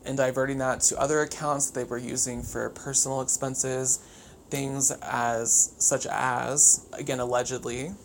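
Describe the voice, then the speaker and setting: Background noise comes through clearly in this poor-quality recording of a solo podcast host, who chatters casually with jittery, over-caffeinated energy and plenty of swearing. The mid-range voice holds a level tone at normal speed.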